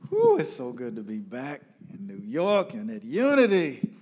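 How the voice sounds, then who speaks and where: A man's voice: mid-range voice, huge pitch swings, measured pace, darkish tone, slight background noise. A man from Nashville, Tennessee, preaching a sermon as a guest speaker in a church, leading the congregation in prayer and telling stories with emphasis. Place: church sanctuary.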